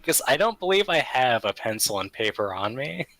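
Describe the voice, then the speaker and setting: Bright-voiced man at a tabletop game. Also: medium pitch, big pitch swings, moderate pace, poor audio. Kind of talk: casual tabletop game chat.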